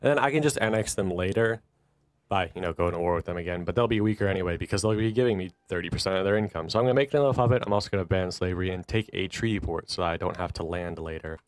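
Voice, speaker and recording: Man, lowish voice, stuffy nasal from allergies, chatty wry game commentary. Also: rapid-fire, no echo. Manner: chatty and wry, thinking aloud while playing. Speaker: gaming channel host. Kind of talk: casual strategy game commentary.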